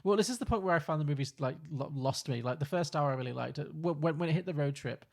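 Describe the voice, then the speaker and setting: A man's voice: fairly high pitch, quick pace, vocal fry. A man co-hosting a podcast, chatting casually about a film and retelling its plot with quoted lines. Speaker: podcast co-host.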